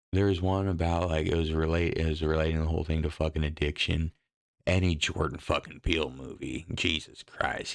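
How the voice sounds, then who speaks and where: A man's voice: a bass voice, creaky, a bit bright, dry recording, studio quality. A man hosting a casual horror talk show, ranting in a profane, rambling, exasperated way. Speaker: podcast host.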